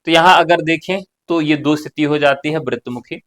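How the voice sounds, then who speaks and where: A man teaching an exam-prep class, walking through questions one at a time. He asks a question aloud, then answers it himself in a relaxed, talkative way, sometimes with a casual joke. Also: on the high side, a little fast. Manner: casual joking asides. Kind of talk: online exam-prep lecture.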